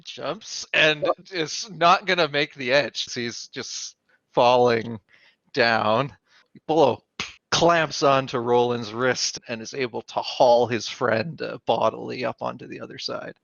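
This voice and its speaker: Gravelly guy narrating a tabletop game, dull dry mic. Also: medium pitch, takes it slowly, no echo. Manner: relaxed storytelling narration. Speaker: game master.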